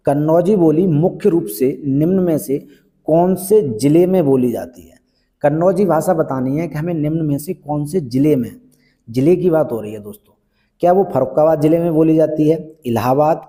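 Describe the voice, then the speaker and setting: A man's voice: a little high, warm tone, long reverb tail. A male Hindi exam teacher working through practice questions one by one, repeating each question and answer for emphasis. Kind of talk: exam prep lesson, question by question.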